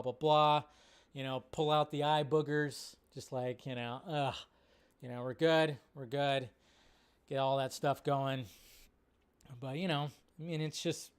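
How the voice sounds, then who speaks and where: A livestream host talks with his viewers in medium pitch, his tone fairly bright, clear and resonant. He reads and responds to their questions casually and spontaneously, wandering off topic and saying things more than once.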